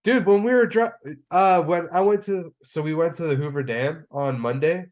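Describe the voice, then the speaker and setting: An excitable man in a casual chat, swearing and laughing as he talks. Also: fairly high pitch, normal speed.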